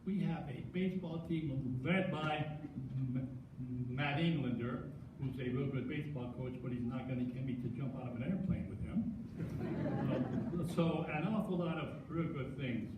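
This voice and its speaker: An older man giving a halting acceptance speech, stuttering and restarting with self-deprecating humor. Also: mid-range voice, noisy background. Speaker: hall of fame inductee. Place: large hall with long echo. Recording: echoey hall, distant mic.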